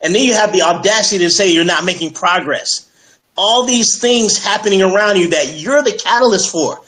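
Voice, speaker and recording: A man speaking as a fitness coach in a casual interview, energetic and persuasive, with many fillers like "you know". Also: sits high, fairly quick, rough recording. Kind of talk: casual interview on a live stream.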